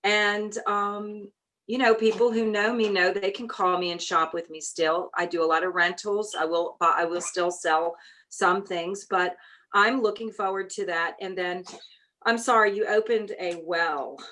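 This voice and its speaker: A woman from New Orleans chats as an interview guest in a mid-range voice. She tells stories in a lively way and acts out what other people said. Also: mid-range voice, measured pace, rough recording. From New Orleans, USA. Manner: chatty, animated storytelling with quoted asides. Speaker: interview guest, shop owner. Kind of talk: casual conversational interview.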